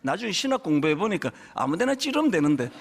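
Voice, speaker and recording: Middle-aged male pastor, animated and emotional sermon storytelling, wide swooping pitch, echoing church hall. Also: fast, noisy background. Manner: animated, emotional storytelling with sudden rises and drops. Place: church sanctuary.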